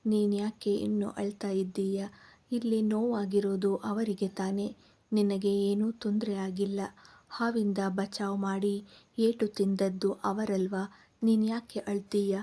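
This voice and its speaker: A woman narrator voicing a shy, remorseful young woman doctor who speaks softly and apologetically. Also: medium pitch, flat delivery, measured pace, lightly acted. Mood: self-scolding.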